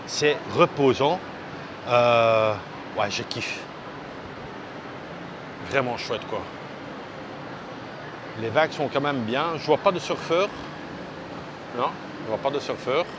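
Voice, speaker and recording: A man's voice: medium pitch, slow, pauses often. Rambling man vlogging on a noisy street. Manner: rambling, heavy on fillers and restarts; chatty and direct, addressing viewers. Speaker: travel vlogger. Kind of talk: casual walking vlog talk. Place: outdoors on a busy seaside street. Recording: street and traffic noise behind.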